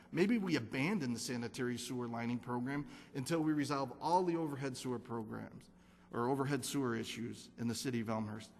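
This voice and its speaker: A man serving as a city council alderman, giving an earnest, repetitive speech at a council meeting and insisting on data. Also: medium pitch. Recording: council chamber with long reverb.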